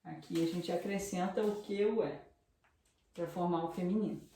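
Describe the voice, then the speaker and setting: A woman teaching beginners French, speaking slowly and clearly, repeating each word and often checking that students follow. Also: lowish voice, steady tone, warm tone, slight background noise. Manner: slow, clear repetition with frequent "tá?" checks. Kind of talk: beginner language lesson. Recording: very echoey room, voice from a distance.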